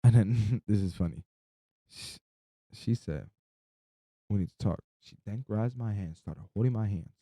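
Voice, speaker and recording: A little slow and pausing often, a drowsy young man with a deep, very dark, easygoing voice rambles through a personal tale as though he hasn't slept. He leans on casual slang and swears freely. The recording is close and dry, with hardly any room and no echo.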